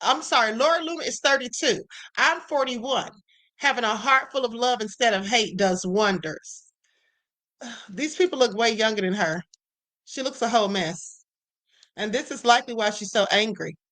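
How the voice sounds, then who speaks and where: Sassy high-voiced woman streamer. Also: a bit bright. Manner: sassy, emphatic, drawn-out asides. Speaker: live stream host. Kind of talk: casual commentary.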